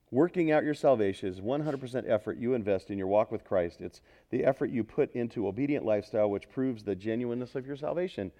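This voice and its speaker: A man preaching a sermon as pastor, swinging between loud, emphatic exhortation and quiet earnestness, often putting questions to the congregation. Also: mid-range voice.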